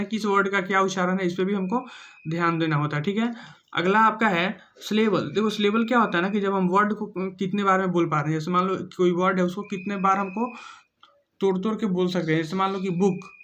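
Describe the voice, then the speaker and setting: A man giving a casual teacher-training lecture, reading English headings slowly and then explaining them in Hindi with simple examples, often checking "ठीक है ना". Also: high-pitched, fairly bright tone, lo-fi sound. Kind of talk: casual exam-prep lecture.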